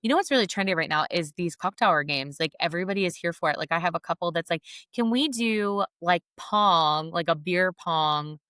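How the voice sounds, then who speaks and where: A woman's voice: on the low side, fairly quick, few pauses, bright, forceful tone, clear, resonant tone, no room sound, clean studio sound. A woman co-hosting a podcast, giving enthusiastic, practical wedding-planning advice in casual chat.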